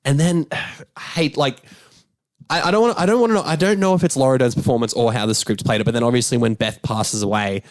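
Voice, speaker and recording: A man co-hosting a casual podcast as a film critic, talking in an animated, rambling way with restarts. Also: mid-range voice, fast, no room sound.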